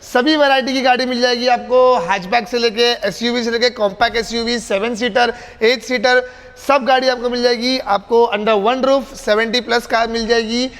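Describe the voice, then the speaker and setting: An Indian man giving a used car sales pitch in slick salesman patter, reeling off models and repeating punchy price offers. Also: fairly even intonation, moderate pace, fairly bright tone. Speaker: used car dealership owner. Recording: echoey hall with background music.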